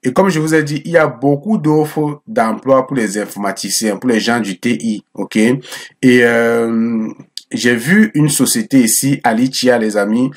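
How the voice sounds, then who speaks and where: An immigration advice YouTuber walks viewers through a job application site in a chatty screen-share tutorial, calling them friends, repeating words and checking in with frequent "ok?". His medium-pitched voice has a breathy edge and a measured pace.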